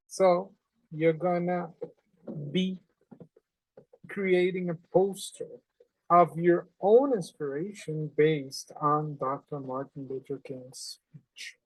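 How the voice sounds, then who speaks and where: Casting: man in his forties from Honduras, teacher, earnest and animated, close dry webcam sound. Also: sits high, dry recording, rough recording. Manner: earnest, animated, with non-native phrasing. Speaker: English teacher. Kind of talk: online class lesson. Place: small indoor room at home. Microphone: webcam on a video call.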